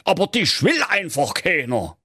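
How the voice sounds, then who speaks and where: A man's voice: a little high, wildly swooping pitch, a little slow, pushed and bright, husky, no room sound, clean studio sound, pitched above the performer's own voice, heavily acted. A man doing a crude Saxon king. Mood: grumbling. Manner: coarse and blustering. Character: grumpy crude old king, blustering.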